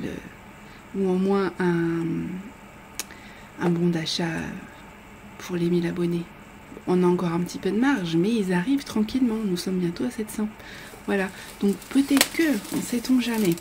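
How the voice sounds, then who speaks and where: A woman's voice: lowish voice, background noise. A woman vlogger chatting casually while unboxing, rambling with frequent hesitations.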